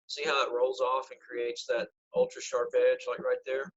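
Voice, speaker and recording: Here the same kind of live video-call lesson comes from a man with a mid-range, slightly bright voice, speaking at normal speed in a level tone. He's practical, demonstrating flintknapping with his hands as he talks, and the sound is lo-fi phone audio.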